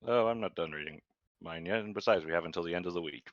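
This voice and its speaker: A man player at a tabletop game, sarcastic and quick to push back. His voice is on the low side. The recording sounds dull and lo-fi. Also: no room sound. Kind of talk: tabletop role-play chat.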